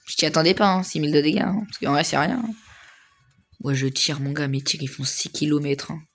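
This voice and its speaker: A young man giving casual, slangy commentary over his own gameplay, excitable and laughing often. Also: on the high side, brisk, faint music behind. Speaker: gaming video creator.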